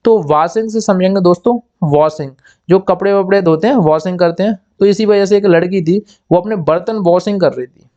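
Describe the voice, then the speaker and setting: Male exam tutor, high voice, repeats and quizzes himself, slightly dull lo-fi audio. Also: fairly quick, dark tone. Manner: repetitive, asks and answers own questions; acts out little scenes in quoted voices. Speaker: exam coaching teacher. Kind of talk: explaining memory tricks.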